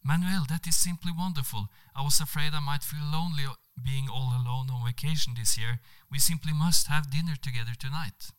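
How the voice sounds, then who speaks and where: A man's voice: medium pitch, fairly bright tone, lightly acted. A man voicing a self-important Norwegian woman with an affected, showy way of talking. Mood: delighted. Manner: affected, showy, drawn-out speech. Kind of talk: comedic story reading.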